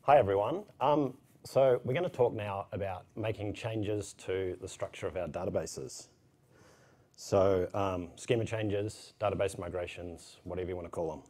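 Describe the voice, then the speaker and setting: A man's voice: low voice, normal speed, warm tone. A man in his thirties with a broad New Zealand accent, giving an informal technical conference talk with casual, wry asides. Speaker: conference speaker. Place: indoor conference room, at a podium.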